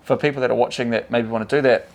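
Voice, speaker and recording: A man's voice: medium pitch, fairly even intonation, racing, gravelly. A man hosting a casual interview, upbeat and encouraging, often repeating words as he talks. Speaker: host.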